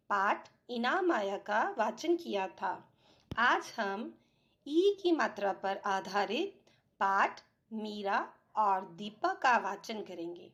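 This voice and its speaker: A woman teacher leads an online reading lesson for small children. She speaks very slowly, stretching each syllable with clear, careful enunciation, in a fairly high voice. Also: fairly bright tone. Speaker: primary school Hindi teacher.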